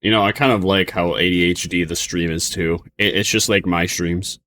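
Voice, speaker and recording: A man's voice: low voice, steady tone, normal speed, fairly bright tone. A man streaming casual reaction commentary, rambling in a bemused, hesitant way.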